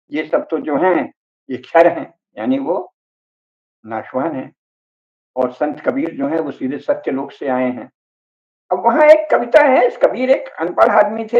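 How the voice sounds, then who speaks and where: A man giving an emphatic, didactic religious discourse, listing names and checking in with his listeners. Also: fairly high pitch. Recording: tinny phone-like audio.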